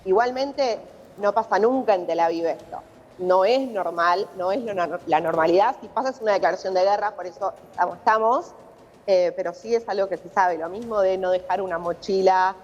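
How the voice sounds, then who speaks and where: In a live news interview, an Argentine-accented woman reporting from abroad walks through a situation at normal speed. Her medium-pitched voice has a darkish tone. Sound arrives via a muffled remote link that rings with long reverberation.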